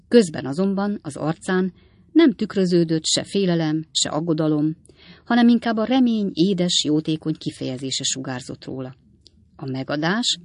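A woman narrating a classic novel as an audiobook in a measured storytelling manner. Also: sits low, darkish tone, dry recording.

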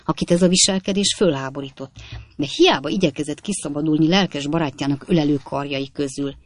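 A man reading an audiobook in a calm, measured way. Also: fairly high pitch, no room sound. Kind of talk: audiobook narration.

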